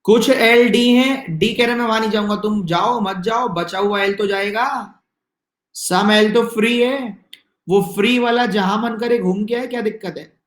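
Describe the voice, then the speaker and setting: A male teacher with a Hindi accent, explaining reasoning questions in an online exam-prep class with lively, teasing asides and little acted-out dialogues. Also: sits high, normal speed, reverberant.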